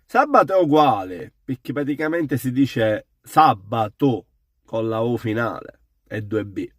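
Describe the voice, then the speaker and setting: A man's voice: mid-range voice, animated, unhurried, no room sound, clean studio sound. A man gives an explanatory lesson in dialect, addressing the listener in a didactic way and spelling things out. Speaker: language teacher. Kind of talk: explanatory dialect lesson, saying words in Sicilian dialect.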